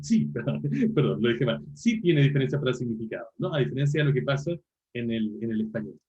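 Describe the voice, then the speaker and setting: A man teaches a university class online, his pitch a little high and very animated. He keeps checking in with the students and corrects himself as he goes. The audio is muffled and lo-fi, like a video call. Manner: explanatory, frequent tag questions and self-corrections. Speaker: university lecturer. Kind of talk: online linguistics lecture.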